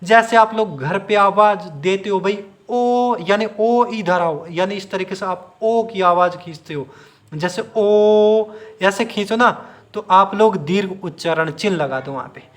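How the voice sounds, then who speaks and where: A bit bright and high, this man's voice moves at a moderate pace as he gives a grammar lesson to students preparing for exams. The video is set up like a classroom, and he repeats questions and answers as drills while drawing sounds out to show them.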